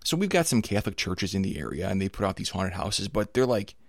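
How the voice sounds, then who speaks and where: Male podcast host, middle-aged, gravelly and lowish with a cold; chatty, rambling, enthusiastic, very dry close sound. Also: big pitch swings, quick pace, dry recording. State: slightly hoarse from a cold. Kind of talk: casual conversational podcast.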